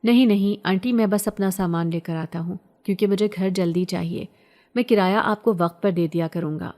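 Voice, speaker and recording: A polite, insistent young man, voiced by a woman reader in an everyday tone. The voice is warm and mellow, a storybook stranger. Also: mid-range voice, close to an everyday voice.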